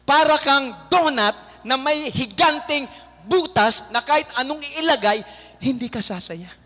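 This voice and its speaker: A man with a Filipino accent giving a motivational seminar talk, often quizzing the audience with rhetorical questions and telling lively stories. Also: very high voice, unhurried. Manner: lively storyteller. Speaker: seminar speaker. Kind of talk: motivational seminar talk mixing Tagalog and English. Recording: reverberant hall sound.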